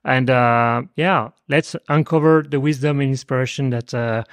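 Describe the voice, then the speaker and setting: A man's voice: mid-range voice, steady tone, normal speed, no room sound. A man hosting a podcast interview, speaking hesitantly with many fillers. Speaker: podcast host.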